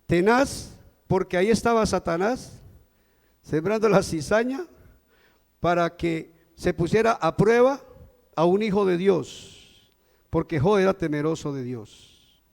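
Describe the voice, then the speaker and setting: Preacher, male, high gravelly voice, asks rhetorical questions, church reverb. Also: animated, a little slow, long pauses. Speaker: pastor. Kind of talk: Sunday sermon. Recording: long reverb of a church hall.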